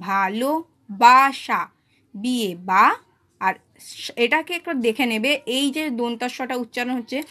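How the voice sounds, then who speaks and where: Woman spelling out sounds slowly. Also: on the high side, bright, forceful tone. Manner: slow syllable-by-syllable pronunciation drills. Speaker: teacher. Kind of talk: phonetics lesson. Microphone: phone held in one hand.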